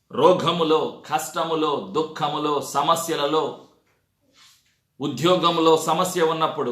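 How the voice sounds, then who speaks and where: The sermon is delivered by a man whose voice is a little high and sharp, echoing through a reverberant recording. He rallies his congregation using rhetorical questions and repeated phrases.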